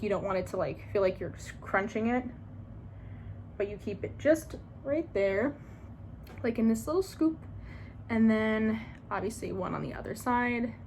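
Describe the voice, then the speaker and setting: A woman's voice: mid-range voice, slight background noise. A woman in her twenties, chatting casually through a skincare tutorial, rambling a little with fillers and small laughs. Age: 20s. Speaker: beauty vlogger.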